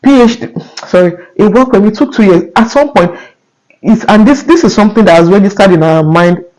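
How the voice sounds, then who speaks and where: A young man with a Nigerian accent speaks to camera in a fairly high voice. He talks earnestly and casually, tagging his points with "right?" and restarting his phrases as he goes. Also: expressive, fairly quick, a little mellow, low-quality recording. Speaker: vlogger.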